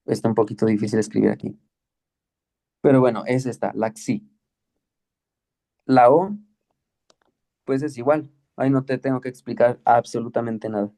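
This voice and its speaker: A man teaching the Greek alphabet in an online class, patient and slow, often checking with "¿ok?". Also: mid-range voice, fairly even intonation, gravelly, warm tone. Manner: patient, explains slowly with many checks like "¿ok?" and "¿sí?".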